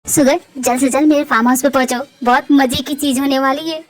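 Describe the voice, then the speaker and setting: A woman's voice: high-pitched, steady tone, fairly quick, natural voice. A woman doing a cocky, boastful young guy. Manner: swaggering and slangy.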